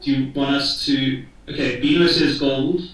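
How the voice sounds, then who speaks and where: A man's voice: medium pitch, fairly even intonation, normal speed, a bit bright. Upbeat man reading chat, very echoey. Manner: upbeat, reads viewer comments. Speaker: trading co-host. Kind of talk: live stream chat with viewers. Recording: very echoey, far from the mic.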